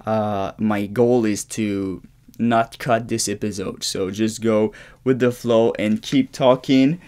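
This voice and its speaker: Taking it slowly in a lowish, steady, slightly mellow voice, a man from Quebec in his early twenties hosts a solo English podcast with a Québécois French accent. He rambles unscripted from his bedroom in a shared apartment, restarting sentences and swearing; French is his first language.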